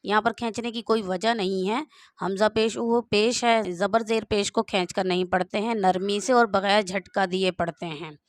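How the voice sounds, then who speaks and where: A woman's voice: medium pitch, steady tone, moderate pace, dry recording, studio quality. A woman teaching Quran reading, patiently spelling out each word letter by letter and repeating it. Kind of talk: slow step-by-step recitation lesson.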